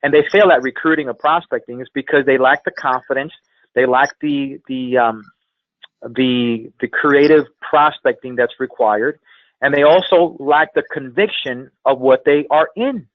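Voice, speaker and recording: Heard through a telephone on a tinny, band-limited conference line, a man speaks at a medium pitch and moderate pace in a dry recording. As a sales trainer and guest speaker, he delivers motivational coaching emphatically, repeating phrases for effect.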